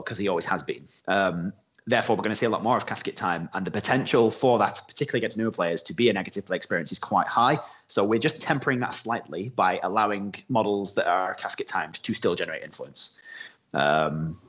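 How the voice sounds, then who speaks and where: A man's voice: low voice, fast, a bit bright, dull audio. A man, a game developer, explaining rules in a casual podcast chat with many fillers.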